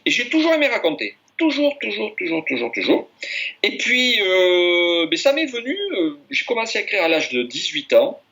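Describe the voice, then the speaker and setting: Bright, animated middle-aged man talking. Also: sits high, moderate pace, hardly any pauses. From France. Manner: animated storyteller, repeats words for emphasis. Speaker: author, interview guest. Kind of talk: casual interview chat.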